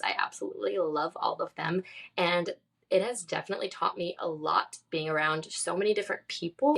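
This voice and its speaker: A woman's voice: fairly low pitch, creaky, a bit bright. A young woman in her twenties from California, hosting a casual solo podcast, chatty and upbeat with a few laughs. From San Diego, California. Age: 20s. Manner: chatty and upbeat, laughs often, says "like" and "literally". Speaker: podcast host.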